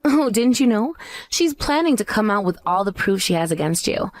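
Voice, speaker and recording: In a dramatized story with dialogue and narration, a woman plays a scornful, vengeful pregnant ex-wife who is coolly triumphant and out for revenge. Her medium-pitched, sing-song voice is a little mellow, taunting and cool, lightly acted at a normal speed. The recording is dry.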